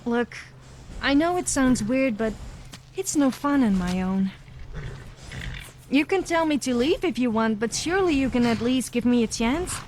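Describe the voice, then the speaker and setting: Woman playing Sophia, a cocky higher-voiced adventurer. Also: animated, a little slow, long pauses, darkish tone, a little hiss or hum. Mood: cocky, coaxing. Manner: cocky, sarcastic, teasing. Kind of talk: comedic voice acting for a video game follower.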